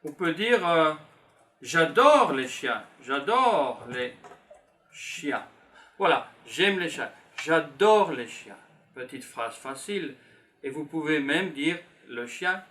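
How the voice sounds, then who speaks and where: A man in his fifties from Belgium teaches French to a class of beginners, sounding animated and sharp with a voice on the high side. He keeps a slow, patient pace, repeating simple phrases while writing them down.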